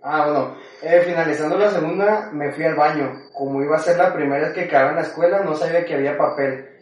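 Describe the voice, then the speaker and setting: A man with a Mexican accent telling a lively anecdote in casual chat, often laughing. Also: on the high side, quick pace, recorded from a distance, muffled recording. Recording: very echoey room, away from mic, faint noise.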